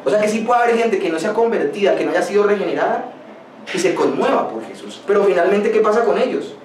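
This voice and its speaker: A man's voice: high voice, animated, fast talker. A man pastor preaching a sermon, pressing his points with rhetorical questions and personal anecdotes. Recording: echoey room, voice from a distance, faint noise.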